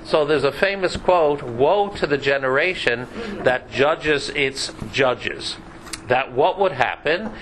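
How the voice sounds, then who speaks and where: A man's voice: on the high side, takes it slowly, a bit bright, slight background noise, low-quality recording. A man giving a conversational Bible class lecture, chatty and sprinkled with dry joking asides. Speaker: Bible teacher.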